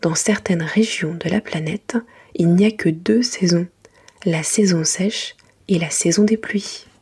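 A woman reading a children's picture book in a soft, gentle whisper, as ASMR for bedtime. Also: fairly low pitch, measured pace. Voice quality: breathy, mostly whispered soft voice.

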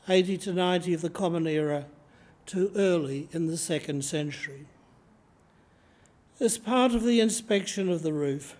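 An Australian priest in his seventies preaches a sermon from a church lectern, reading slowly and deliberately from his notes. His voice is high with a darkish tone, captured by a lectern microphone with a camera in front.

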